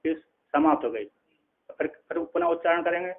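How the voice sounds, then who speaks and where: Gravelly man teaching scripture over lo-fi audio. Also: fairly high pitch, expressive, normal speed. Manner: repetitive, explanatory, frequent "है ना" checks. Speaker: spiritual teacher. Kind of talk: scripture lecture. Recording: tinny phone-like lo-fi sound.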